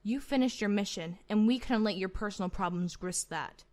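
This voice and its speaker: A woman with a darkish, mid-range voice close to her everyday one plays a proud, sharp-tongued female starship admiral in a sci-fi roleplay. At a moderate pace she sounds commanding and unafraid, curt, sardonic, defiant and stern.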